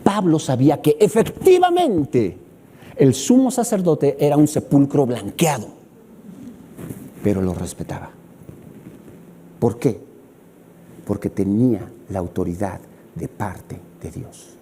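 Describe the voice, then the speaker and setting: A man's voice: medium pitch, slow pace, pauses often, a little hiss or hum. A middle-aged man with a Mexican accent preaching a sermon, acting out scenes and asking rhetorical questions. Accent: Mexican Spanish. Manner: animated, acts out scenes, asks rhetorical questions. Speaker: pastor.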